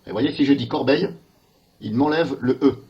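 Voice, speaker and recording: This software tester talks through a screen-recorded walkthrough, puzzling aloud under his breath as he works through the menus. His mid-range voice is brisk, and the recording has its high frequencies cut off.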